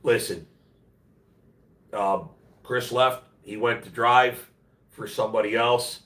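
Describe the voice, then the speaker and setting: A man's voice: mid-range voice, steady tone, takes it slowly, fairly bright tone. A man hosting a casual livestream from home, talking bluntly and slangily in a congested, nasal, worn-out voice while under the weather. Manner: blunt, slangy, plain-spoken. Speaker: live stream host. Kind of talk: casual rambling livestream chat. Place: at home, roomy-sounding indoor space. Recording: echoey room, distant mic.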